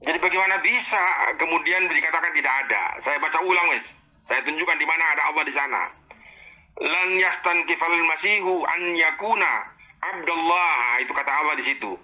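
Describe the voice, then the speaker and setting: A man's voice: on the high side, fast talker, sharp tone, low-quality recording. A man explaining Arabic verses word by word in a heated religious debate, challenging and exasperated.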